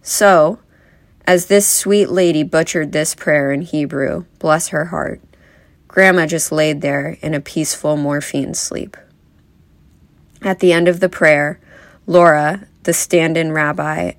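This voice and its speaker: A young woman giving a eulogy for her grandmother, telling stories with wry, gentle humor. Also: deep voice, steady tone, takes it slowly, no room sound. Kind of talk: eulogy speech.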